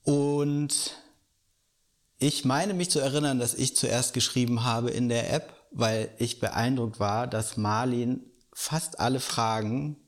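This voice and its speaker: A man of thirty-six, a podcast guest, calmly explaining and reflecting in casual talk. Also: medium pitch, slow. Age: 30s. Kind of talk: casual conversation.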